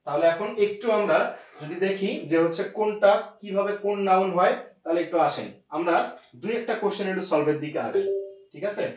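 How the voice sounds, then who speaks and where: A man's voice: high-pitched, fairly quick. A man teaching an English grammar lesson, explaining step by step and often asking his students rhetorical questions. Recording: echoey distant lo-fi room sound.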